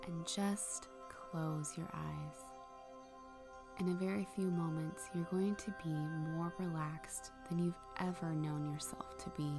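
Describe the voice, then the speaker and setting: A woman guides a relaxation in a hushed, breathy whisper that moves at an unhurried crawl. Her voice sits on the low side and carries a gravelly edge. Soft music plays underneath. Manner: slow, soothing, breathy whisper. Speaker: podcast host and mindset coach.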